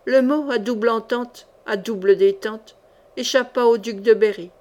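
A woman's voice: on the high side, normal speed, darkish tone. Woman reading a dramatic novel aloud. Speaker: audiobook reader. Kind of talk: expressive audiobook narration.

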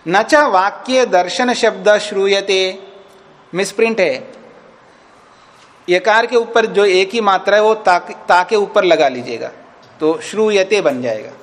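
Man, swami, lecture, reciting and glossing Sanskrit, high-pitched, unhurried. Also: fairly bright tone. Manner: recites Sanskrit lines, then explains them phrase by phrase; checks the class with questions. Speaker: swami teaching a class. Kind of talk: classroom lecture on a scripture text. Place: teaching session at a retreat.

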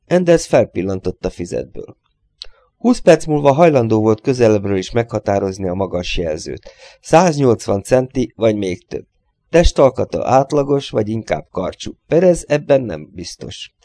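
A man reading a crime novel aloud as an audiobook, lifting his voice for the characters' lines and dropping low for the narration between them. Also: warm tone, no echo. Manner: voices dialogue with lifted pitch, drops low for narration tags. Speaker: audiobook reader.

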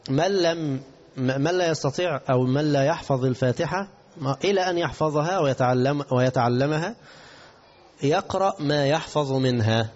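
A man's voice: medium pitch, a little mellow. Egyptian man teaching Quran recitation. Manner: explanatory, slow careful recitation then quick asides. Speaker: mosque teacher. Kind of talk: religious lesson. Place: mosque. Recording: dull lo-fi lecture recording.

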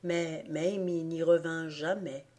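Slow, mellow woman reading a storybook. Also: low voice, fairly even intonation. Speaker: audiobook reader. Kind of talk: storybook narration.

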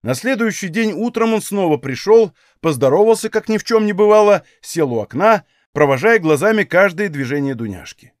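A man reading a novel aloud in measured, expressive storytelling narration. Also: high voice, no room sound, studio quality. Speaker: audiobook reader. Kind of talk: literary audiobook narration.

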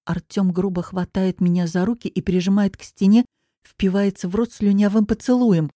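A woman narrating a first-person audiobook in an expressive, dramatic reading, recorded on a close mic. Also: medium pitch, normal speed, dry recording.

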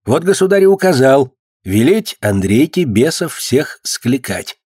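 A man's voice: medium pitch, big pitch swings, unhurried, darkish tone, husky, no echo, clean studio sound, pitched above the performer's own voice. A man voicing a boastful, gossipy male street trader who claims to know everything.

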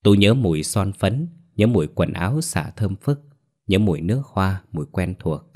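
A man narrating a ghost story audiobook in a steady, measured way. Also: sits low.

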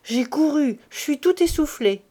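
A woman reading aloud voices a lively teenage girl in a storybook, quick and breathless. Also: sits high, pitched above the performer's own voice. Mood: playful. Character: eager, playful teenage girl.

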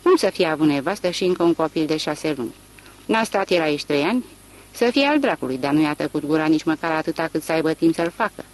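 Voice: medium pitch, lively intonation, natural voice, poor audio. An audiobook reader voicing a shrewd, talkative country man with a wry, questioning manner.

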